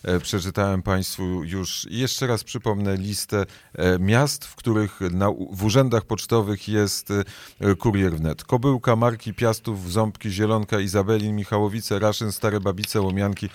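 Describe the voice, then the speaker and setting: A man with a lowish voice hosts a live morning radio show. He speaks from a studio with a dry, close sound. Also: steady tone, unhurried, dry recording. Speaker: radio host.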